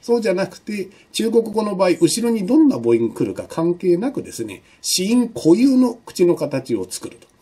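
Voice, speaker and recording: Husky mellow-voiced male lecturer. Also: sits high, big pitch swings. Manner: patient explanatory, many fillers, slow demonstrations of sounds. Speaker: university lecturer. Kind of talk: recorded online lecture.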